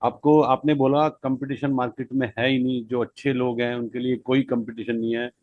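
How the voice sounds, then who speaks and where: A man's voice: medium pitch, little pitch movement, normal speed, narrow, tinny audio. A man hosting the talk, thanking and praising the guest effusively. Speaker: host.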